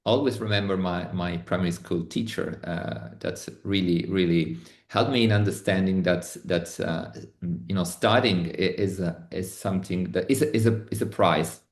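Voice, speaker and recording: A middle-aged Italian man with an Italian accent, speaking as an interview guest in careful English with many pauses and restarts. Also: low-pitched, reverberant. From Italy. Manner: thoughtful, many restarts and hesitations. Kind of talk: online interview.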